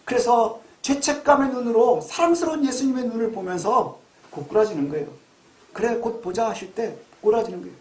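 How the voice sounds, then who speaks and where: A middle-aged male pastor preaches with a very high voice, talking to his congregation in a conversational way and asking rhetorical questions. His voice rings through a roomy church sanctuary. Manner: conversational, asks rhetorical questions, acts out quotes. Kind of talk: Sunday sermon. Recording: echoey church hall.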